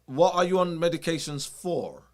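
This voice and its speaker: A man's voice: on the high side, lively intonation, moderate pace, a little mellow. A man hosting a wellness consultation over a video call, explaining things in a casual way and often checking in with "you know" and "right?". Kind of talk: casual advisory chat.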